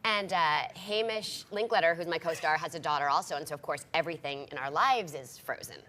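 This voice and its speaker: A woman's voice: deep voice, pushed and bright. A woman guest on a talk show, chatting in a bubbly, giggly way in a TV studio. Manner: giggly, bubbly, quick restarts. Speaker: actress guest. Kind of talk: casual talk show chat.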